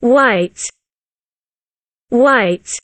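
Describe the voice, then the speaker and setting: A woman's voice: a little high, drawn-out words, fairly bright tone, dry recording. A woman giving a scripted beginner vocabulary lesson, speaking carefully and simply, as if reading to a toddler. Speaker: language teacher for beginners. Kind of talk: scripted vocabulary lesson, simple words and phrases one at a time.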